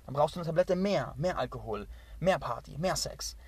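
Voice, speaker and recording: Intense, husky-voiced man preaching. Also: fairly high pitch, lively intonation, moderate pace, a little mellow, dry recording. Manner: intense, emphatic, repeats phrases and swears. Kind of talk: impassioned motivational monologue.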